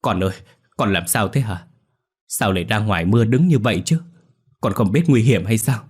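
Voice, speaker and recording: A man's voice: fairly low pitch, normal speed, a little mellow, breathy edge. A male storyteller voicing a frightened young wife and mother who speaks in an anxious, pleading way. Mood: tearful pleading.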